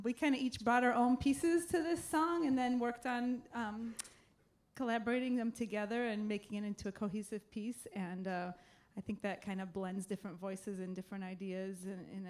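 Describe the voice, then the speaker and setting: A woman's voice: medium pitch, moderate pace. A woman musician introducing her song in thoughtful, casual stage talk with frequent fillers, into a stage microphone at a live music event. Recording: echoey live room with loud music.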